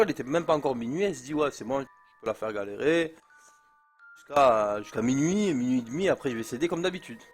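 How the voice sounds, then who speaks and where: A man telling a spooky bedtime story casually, with slang and many halting fillers. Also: medium pitch.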